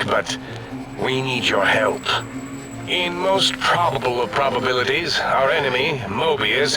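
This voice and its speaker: An actor playing a pompous, domineering brain-in-a-machine scientist in a video game, declaiming in an imperious, theatrical way. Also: male voice, medium pitch, close to an everyday voice, low-quality recording. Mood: pompous irritation. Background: loud music.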